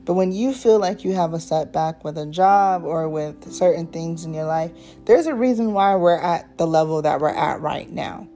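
A woman in her twenties hosting a casual faith-based podcast, talking in a relaxed, rambling way with many ums and asides. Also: low voice, normal speed, few pauses, soft background music. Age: 20s. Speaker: podcast host.

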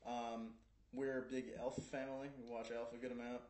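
A man's voice: mid-range voice, level tone, brisk, a little mellow. A young man co-hosting a podcast, chatting casually and saying "dude" and "like" a lot. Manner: laid-back, says "dude" and "like" a lot. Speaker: podcast co-host. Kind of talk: casual chat. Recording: echoey room.

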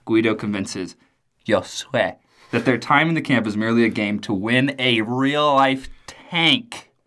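Guy hosting a movie review podcast, jokey, teases his cohost, laughs a lot, average pitch. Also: fairly bright tone. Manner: joking, teasing, laughs often. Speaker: podcast co-host. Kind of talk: casual movie review chat.

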